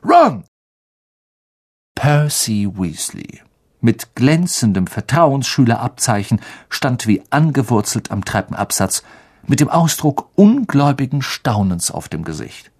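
A narrator reading a children's novel aloud with expressive storytelling. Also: mid-range voice, measured pace. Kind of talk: audiobook narration.

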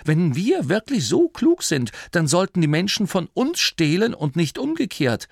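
A man's voice: high-pitched, wildly swooping pitch, moderate pace, vocal fry, no room sound, studio quality, pitched above the performer's own voice, exaggerated voice. A man voicing an honest, puzzled young male gnome hunter in a storybook reading, plain and earnest.

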